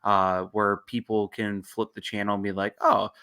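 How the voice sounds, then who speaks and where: A man's voice: lowish voice, little pitch movement, normal speed, sharp tone, clean tone. A man co-hosting a casual sports podcast, rambling, losing his thread and apologizing. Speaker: podcast co-host.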